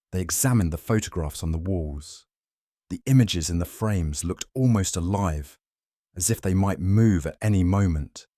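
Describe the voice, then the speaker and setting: A man narrating a suspense story in a measured, ominous scripted style. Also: low voice, dark tone, no echo, studio quality.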